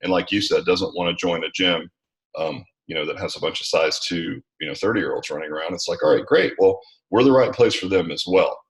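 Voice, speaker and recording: A man's voice: deep voice, a little fast. A middle-aged American man giving talkative, informal interview answers, often checking in with "right" and "you know". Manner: talkative, informal, peppered with 'right' and 'you know'. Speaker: interview guest, gym franchise founder.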